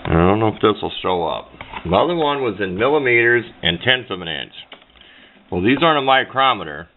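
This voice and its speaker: A middle-aged hobbyist demonstrates a homemade radio antenna build, explaining it hands-on in a casual, rambling, plain-spoken way and correcting himself as he goes. He talks fairly quickly with lively intonation. The lo-fi recording sounds muffled, with clear background noise.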